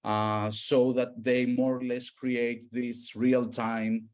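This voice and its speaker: A man from Greece, presenting a data tool in an online workshop, explaining step by step with many pauses and fillers. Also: mid-range voice, little pitch movement. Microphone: video call.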